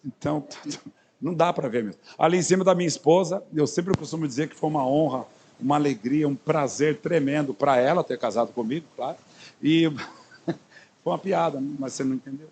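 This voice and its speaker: Slight background noise accompanies a man whose voice is a little high, a little fast and a little mellow. He's a São Paulo pastor in his fifties, speaking São Paulo Portuguese, who introduces himself to a congregation before his sermon in a chatty, joking way with frequent fillers and restarts.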